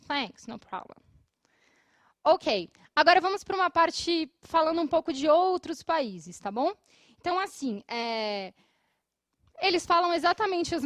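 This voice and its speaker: A high-voiced Brazilian woman with a Brazilian Portuguese accent teaches English in a televised classroom lesson from a studio, the sound clean with no echo. She explains things, repeats English phrases slowly for students, and laughs often between phrases.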